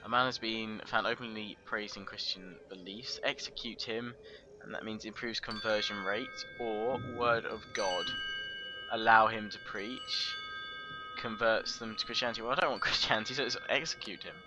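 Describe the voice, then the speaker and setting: A man's voice: lowish voice, fairly even intonation, normal speed. A man casually narrating his strategy game campaign, rambling, joking at himself and stumbling over foreign names. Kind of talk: casual let's play commentary. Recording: game music behind the voice.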